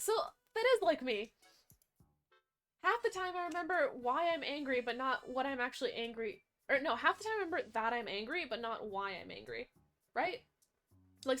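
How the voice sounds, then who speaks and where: A young woman, chatting casually and rambling with her stream audience, animated and often correcting herself. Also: fairly high pitch.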